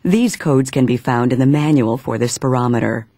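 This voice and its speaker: A man reading scripted instructional narration in a measured, step-by-step manner. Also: medium pitch, mellow, no room sound.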